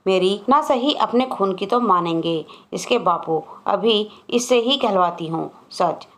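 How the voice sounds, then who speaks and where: A woman's voice: medium pitch, lively intonation, unhurried, natural voice. A woman voicing an anxious, flustered poor village mother who stammers and pleads. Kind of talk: storybook narration.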